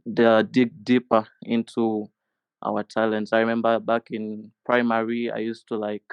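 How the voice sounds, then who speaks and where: A man from Zambia, a rapper guest, answering in a relaxed way. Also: lowish voice, unhurried, clean tone, dry recording, muffled recording. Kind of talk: casual interview answers.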